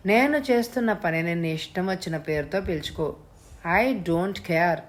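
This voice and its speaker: Woman voicing a hoarse, scornful male kidnapper. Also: fairly low pitch, close to an everyday voice. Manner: cool, scornful, unhurried.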